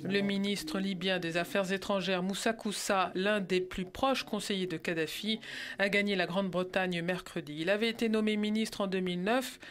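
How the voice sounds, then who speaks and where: A man narrating a news report in a brisk, formal voice-over. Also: sits high, steady tone, a bit bright. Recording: crowd noise behind the voice.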